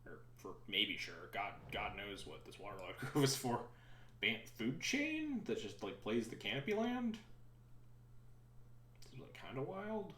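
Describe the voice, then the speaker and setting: A man's voice: on the low side, sing-song, measured pace, fairly bright tone, reverberant. A man streaming a card game, thinking aloud in rambling, sometimes sarcastic casual commentary.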